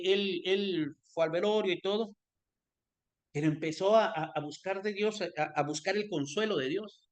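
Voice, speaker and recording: Man, high-pitched voice, earnest conversational preaching, animated storytelling, frequent restarts.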